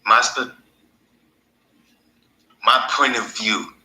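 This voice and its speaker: A man's voice: mid-range voice, fairly even intonation, very slow, bright, forceful tone. A man hosting his own podcast in a casual, rambling monologue, laughing at his own stories. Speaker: podcast host. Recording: echoey room.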